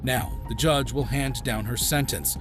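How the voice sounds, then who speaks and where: A man's voice: mid-range voice, measured pace. Male narrator, scripted true-crime voice-over, teasing tone, music bed.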